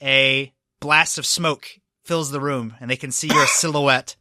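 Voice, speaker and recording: A man's voice: mid-range voice, steady tone, a little slow, pushed and bright. A man running a tabletop game as game master, laughing often as he narrates.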